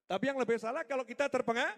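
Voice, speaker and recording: A high-pitched man delivers a religious lecture with emphatic repetition. He poses rhetorical questions to drive his points home. The recording carries a long, echoing hall reverb. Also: very fast, a bit bright. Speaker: preacher.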